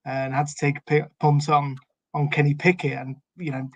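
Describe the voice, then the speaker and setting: A man's voice: a little high, level tone, normal speed, no room sound. A man co-hosting a casual sports podcast chat, hesitant with many fillers and restarts. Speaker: podcast co-host.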